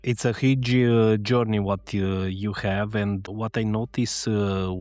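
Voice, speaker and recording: A man hosting a podcast interview, speaking hesitantly with many pauses and fillers, encouraging his guest. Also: lowish voice, level tone, a little mellow, dry recording, faint music behind. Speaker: podcast host.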